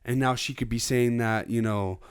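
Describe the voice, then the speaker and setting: A man's voice: medium pitch, fairly even intonation, moderate pace, clean tone. A man reviewing an album in casual chat, passionate and rambling, swearing a lot.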